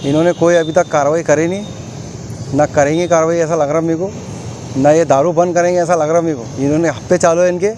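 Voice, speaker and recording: A man with a fairly high voice speaks slowly and plainly, airing a complaint. He is recorded outdoors, with faint traffic and street noise behind him. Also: steady tone, a little mellow. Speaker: social activist on hunger strike. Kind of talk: on-the-spot statement.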